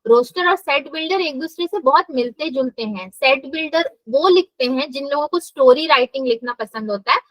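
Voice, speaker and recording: A woman's voice: sits high, lively intonation, a little fast, few pauses, dry recording, low-quality recording. A young woman teaching a live math class, mixing English terms into her explanations and checking in with students. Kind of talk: live online class lecture.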